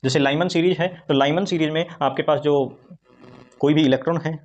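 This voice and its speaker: Man, chemistry teacher, rapid delivery, slightly high voice, quizzes class repeatedly. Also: steady tone, a little mellow, dull audio. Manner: repetitive call-and-response questioning; fast, chatty explaining with Hindi-English mix. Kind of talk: online classroom lecture.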